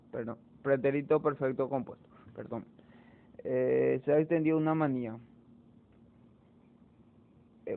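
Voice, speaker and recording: Man, teacher, slow repetitive explaining, phone-like tinny audio. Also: a little high. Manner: slow, repetitive explaining, repeats key words. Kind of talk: exam walkthrough lesson.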